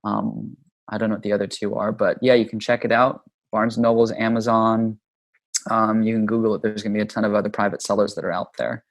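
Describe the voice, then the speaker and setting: A man from Hawaii, a yoga teacher and author, telling stories about his upbringing in an easygoing, unhurried way with frequent ums. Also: on the low side, level tone, creaky, no echo. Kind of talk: relaxed conversational storytelling.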